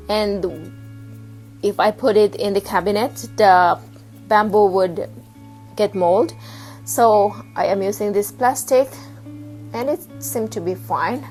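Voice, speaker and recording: A woman vlogging casually at home, showing her houseplants and pausing to hunt for words. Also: mid-range voice, a little mellow, rough recording. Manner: chatty, pauses to hunt for words. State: slightly out of breath. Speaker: plant vlogger. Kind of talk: casual show-and-tell vlog. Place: home with plant shelf, indoors.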